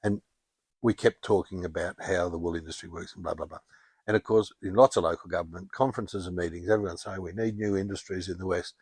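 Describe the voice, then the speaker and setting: An older Australian man telling stories in a relaxed, wry way as a podcast guest. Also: sits low, quick pace, husky, no echo. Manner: chatty, anecdotal, wry. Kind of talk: casual interview storytelling.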